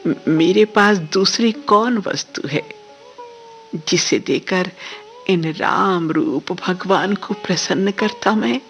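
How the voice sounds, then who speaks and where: A woman voicing a gentle old wandering fakir who speaks softly and tenderly in a radio story reading. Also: medium pitch, slow, faint music behind.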